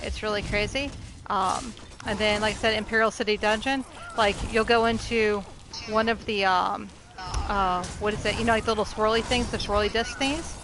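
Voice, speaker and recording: Casting: female gamer, mid-range creaky voice, easygoing and halting, talking casually on a noisy stream. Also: mid-range voice, steady tone. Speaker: video game player chatting with a teammate. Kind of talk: casual gaming chat. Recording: clearly noisy game stream voice chat.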